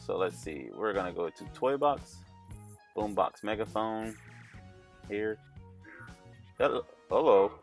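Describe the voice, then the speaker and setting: A man hosting a tech channel, sitting in a parked car and chatting upbeat as he walks through screen features, thinking aloud. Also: on the low side. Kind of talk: casual demo walkthrough.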